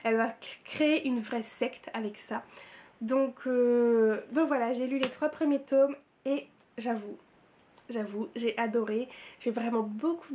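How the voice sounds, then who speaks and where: High-pitched and a little mellow, a French-accented book vlogger talks informally about what she read this month, with slight background noise. She leans on fillers and repeats words to stress them.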